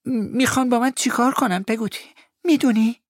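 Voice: mid-range voice, no room sound, voice pushed up, close to an everyday voice. A man voicing a frightened young boy who pleads anxiously in an audiobook, with a dry, close sound.

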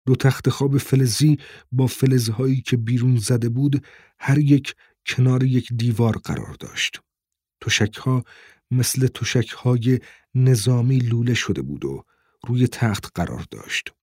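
Husky-voiced male audiobook narrator. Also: mid-range voice, no room sound, clean studio sound. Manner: steady, measured, descriptive reading. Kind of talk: scripted narration.

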